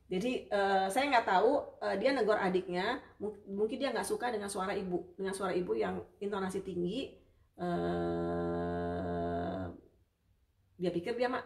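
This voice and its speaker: A woman therapist hosting a casual live-stream Q&A, chatty and warm with viewers, full of hesitations and fillers. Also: a little high, vocal fry. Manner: warm and apologetic toward viewers. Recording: roomy sound, distant from the mic.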